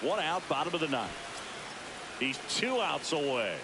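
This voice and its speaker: Casting: radio-style baseball play-by-play announcer for a video game, lively higher voice, clipped punchy calls, noisy stadium backdrop. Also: male voice, slow pace, full character voice. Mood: focused, animated. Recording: noisy stadium ambience behind voice.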